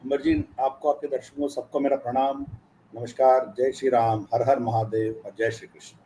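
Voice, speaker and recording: A man's voice: mid-range voice, level tone, normal speed, dark tone, a little hiss or hum. A man speaking as an interview guest, explaining at length with frequent hesitations and filler sounds. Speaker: guest commentator. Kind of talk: interview answer.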